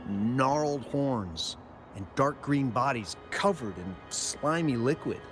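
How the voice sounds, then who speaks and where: A man acts the part of a jittery, talkative young miner recounting what he saw, in game cutscene dialogue with music underneath. His mid-range voice has lively intonation, and he slows his pace whenever he describes the monsters.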